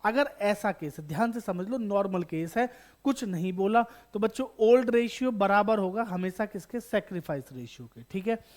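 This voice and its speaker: In a high-pitched, darkish voice with lively intonation at normal speed, a man teaches school students accountancy online for exam prep. He poses questions and answers them, repeats the key terms, addresses viewers directly, and calls the students beta and bachche as if they were his children.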